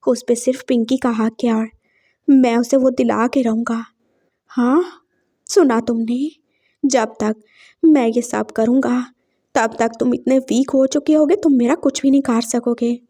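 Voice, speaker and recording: A bitter young man vowing revenge in a read-aloud fan fiction story, put on by a woman narrator. The voice stays high. It is threatening in private and sugary to others. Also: steady tone, measured pace, warm tone. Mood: bitter vengeful. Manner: bitter, threatening inner monologue. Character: young man, vengeful, sweet to his face.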